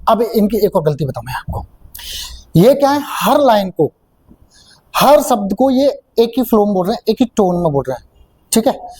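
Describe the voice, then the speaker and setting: A man's voice: extremely high pitch, a little mellow, low-quality recording. A man coaching students for an interview, explaining step by step and checking in often. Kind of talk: classroom coaching talk.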